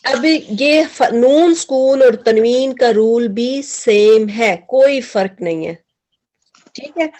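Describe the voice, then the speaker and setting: Patient female Quran teacher, slightly high voice, slow drilling questions, mixes in English words. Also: mellow. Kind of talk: tajweed class teaching.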